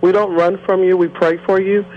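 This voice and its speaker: A woman's voice: fairly low pitch, level tone, a little fast. A woman calling in to a talk show over the phone, insistent and preachy, talking over the hosts. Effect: heard over a phone line. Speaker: caller. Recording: dull lo-fi phone line.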